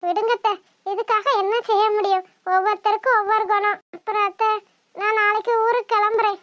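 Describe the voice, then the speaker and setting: A woman's voice: very high voice, level tone, brisk, fairly bright tone, dry recording. A woman voicing a young woman in a cartoon who is ill with a stomach ache, curt and subdued. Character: young woman, sick and hurt, quietly defiant. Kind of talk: cartoon voice acting. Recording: dull dry studio recording.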